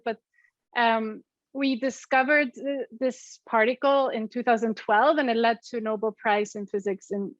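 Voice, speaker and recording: A woman from Sweden, co-founder of an app, is a guest on a call-based interview and speaks thoughtfully with a Swedish accent and plenty of "um" and "like." Her voice is fairly high. The lo-fi audio has no room sound.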